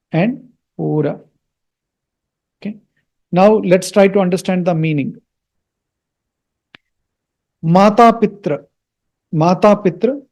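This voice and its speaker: High-voiced man patiently explaining mantras. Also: dark tone. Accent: Indian. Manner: patient, repeats words slowly, checks understanding. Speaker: mantra teacher.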